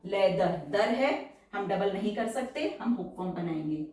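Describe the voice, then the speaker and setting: A woman with a medium-pitched, expressive, darkish voice gives a patient, step-by-step tutorial on shorthand, slowly saying each example word twice. She sits back from the microphone, and the room adds a noticeable echo.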